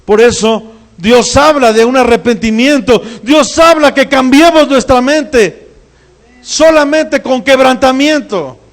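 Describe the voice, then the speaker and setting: A man with a Mexican Spanish accent preaches a sermon in a strikingly high voice. He speaks slowly and deliberately, asking the congregation rhetorical questions. He repeats his exhortations with rising emphasis. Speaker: pastor.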